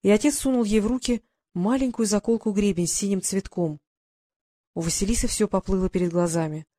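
A woman narrating a novel in an even, measured storytelling manner. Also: mid-range voice, no echo. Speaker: audiobook narrator.

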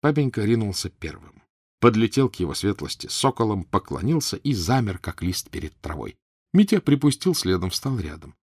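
A male audiobook narrator with a very deep voice and a lively, rising and falling delivery. He tells the story expressively. The recording is close and dry. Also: moderate pace, breathy edge, no room sound.

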